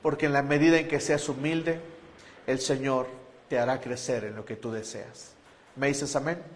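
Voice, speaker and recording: A pastor preaching a sermon to his church, emphatic, shifting between loud declarations and hushed appeals. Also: medium pitch, fairly even intonation, moderate pace, slight background noise.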